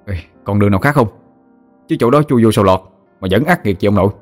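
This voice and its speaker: A man voicing a hot-tempered young male ambulance driver who scolds and shouts in exasperation. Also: on the low side, fairly even intonation, racing, faint music behind, natural voice. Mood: impatient.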